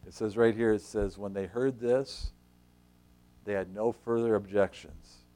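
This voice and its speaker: A male pastor preaching a sermon, animated and conversational, acting out the scripture figures and dropping to a whisper for emphasis. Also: measured pace. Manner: animated, acts out the Bible figures with shifts in pitch and volume.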